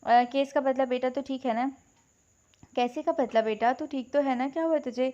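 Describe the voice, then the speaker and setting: A fretful, motherly middle-aged aunt, tender and worried, as a woman storyteller puts her on. The voice is high and the audio a little dull and lo-fi. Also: steady tone, moderate pace, warm tone, lightly acted.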